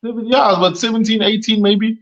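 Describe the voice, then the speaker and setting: A man's voice: high voice, steady tone, quick pace. A man in his thirties with a Durban South African accent, telling a story in a casual chat, laughing often and acting out voices. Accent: South African English, Durban. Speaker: co-host. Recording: muffled mic.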